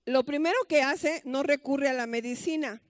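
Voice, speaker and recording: A woman's voice: sits high, normal speed, dry recording. A woman pastor with a Mexican accent, giving a conversational sermon full of stories and rhetorical questions.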